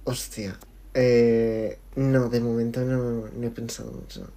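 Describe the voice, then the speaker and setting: A young man being interviewed in casual conversation, talking haltingly with many fillers and restarts. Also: medium pitch, little pitch movement, dark tone. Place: lives in Barcelona.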